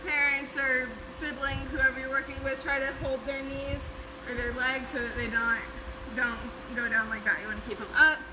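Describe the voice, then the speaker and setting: High-voiced woman coaching gymnastics over noise. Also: moderate pace, reverberant. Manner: casual, encouraging, counts aloud. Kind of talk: live-streamed stretching class instruction. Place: gym floor with fans. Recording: noisy live-stream audio with steady background hum.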